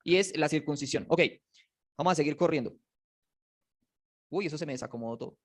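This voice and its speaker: Man, quick high voice, teaching a Bible class in a classroom, joking, quizzing students. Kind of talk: casual Bible lesson to a class. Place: classroom with slides.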